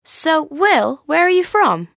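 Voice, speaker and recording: A woman's voice: high-pitched, big pitch swings, takes it slowly, vocal fry, a bit bright, no room sound, studio quality, full character voice. A woman acting a chatty young woman asking someone where he is from in a scripted course dialogue. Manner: curious, chatty questions.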